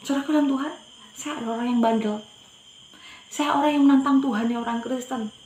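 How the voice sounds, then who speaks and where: A woman's voice: sits high, fairly even intonation, fast, darkish tone. Woman, middle-aged, from Madura, pastor, earnest testimony, roomy echo, faint noise. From Madura, Indonesia. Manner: earnest storytelling, often addressing listeners as "brothers". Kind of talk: personal faith testimony.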